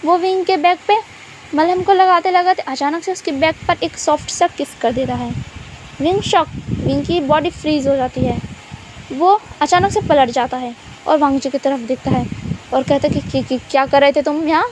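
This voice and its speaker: Woman reading a fan story out loud, high voice, steady and plain. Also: moderate pace, background noise. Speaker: story reader. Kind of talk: reading fan fiction aloud.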